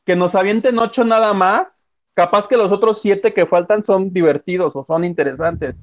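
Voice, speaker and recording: A man's voice: high-pitched, normal speed. A man co-hosting a live watch-along, laid-back and chuckling. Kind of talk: casual live chat. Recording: dull lo-fi sound.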